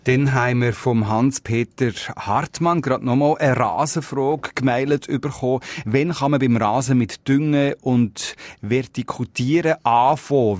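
A man's voice: medium pitch, a little mellow, dry recording. A man with a Swiss German accent hosting a radio advice show, reading out listener questions in a chatty, joking manner. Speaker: radio host. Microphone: studio microphone.

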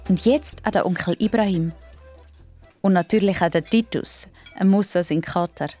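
Woman telling a kids radio play, kinda low voice, soft music behind. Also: normal speed. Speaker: narrator. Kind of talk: storytelling narration for children.

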